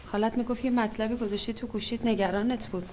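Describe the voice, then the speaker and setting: Actress as a worried middle-aged mother, high voice, pleading, defensive, film drama. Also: fairly even intonation, darkish tone, slight background noise, lightly acted. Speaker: mother and wife. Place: home interior.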